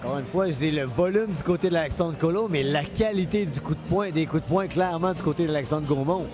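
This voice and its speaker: A man's voice: on the high side, fast, noisy background. A man with a Quebec French accent giving live, unscripted boxing commentary, analytical and often repeating his phrases.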